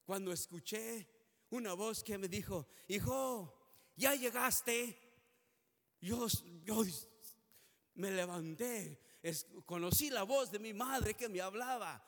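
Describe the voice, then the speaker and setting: High-voiced preacher in echoing hall. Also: male voice, measured pace. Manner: earnest, swelling into fervent prayer. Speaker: preacher giving testimony. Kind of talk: emotional testimony sermon. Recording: long hall reverb.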